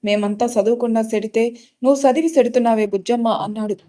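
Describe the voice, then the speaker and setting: A woman voicing a stern middle-aged village father who lectures his daughter loudly. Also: fairly high pitch, fairly even intonation, quick pace, close to an everyday voice. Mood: angry. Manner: harsh, loud, lecturing.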